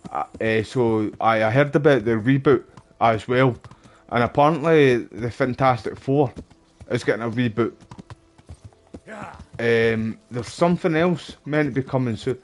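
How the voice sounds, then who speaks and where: A man's voice: mid-range voice, unhurried. A man with a Glasgow street accent chats casually as he plays a game. He rambles along in local slang, with cheeky, sweary banter aimed at whoever is in front of him. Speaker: gaming streamer. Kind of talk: casual gameplay commentary, rambling chat.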